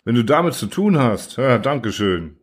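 A man's voice: medium pitch, sing-song, a little slow. A man reading the lines of a stubborn, naive young soldier who plays dumb.

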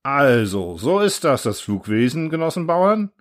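This is a bumbling, eager guard, put on by a male reader, stumbling through a speech and padding it with halting fillers. The voice sits above the reader's own and rises and falls in lively swings. It belongs to a storybook reading. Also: medium pitch, voice pushed up. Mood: earnest rambling. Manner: halting, rambling, full of fillers.

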